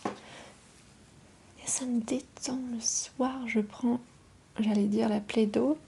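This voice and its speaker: A woman speaks ASMR in a slow, hushed way, slipping between soft voice and whisper. Her voice is husky and hoarse with a cold, and its tone is mellow. She sounds gentle and never hurries. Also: a little high, steady tone. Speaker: ASMR video host. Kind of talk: softly spoken ASMR, drifting in and out of whispers.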